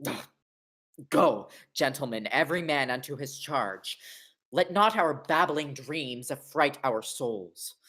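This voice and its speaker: A woman's voice: very deep voice, animated, takes it slowly, fairly bright tone, heavily acted. A young woman playing a murderous, guilt-haunted king in a Shakespearean radio play, with theatrical, declamatory delivery. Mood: defiant, rousing. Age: young adult. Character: Richard III, murderous guilt-haunted king turned defiant war leader. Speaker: acting student.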